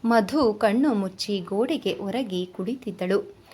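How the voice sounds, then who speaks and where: A woman narrating a moral story in a steady, expressive reading. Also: mid-range voice, a little slow, husky.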